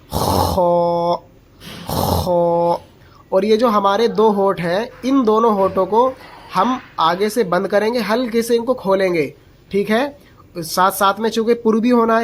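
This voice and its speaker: In a mid-range voice, this teacher takes the learner through Quran reading pronunciation one step at a time, describing the point where each letter is produced. Each sound gets repeated aloud several times in a patient, unhurried way, with brief questions to make sure the learner follows.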